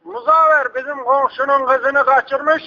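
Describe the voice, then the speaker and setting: Heavily acted and gravelly, this man's very high voice is pushed and bright, with a steady tone and measured pace. He plays a persistent, hard-of-hearing old village uncle on a prank call, rambling insistently, repeating himself, and asking people to speak up, all in a dull lo-fi recording.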